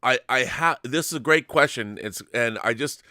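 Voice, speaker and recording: The host of a film fan live show, a man with a mid-range, pushed, bright voice, chats casually at normal speed and offers emphatic, rambling, sweary opinions. The recording is clean studio sound with no room sound.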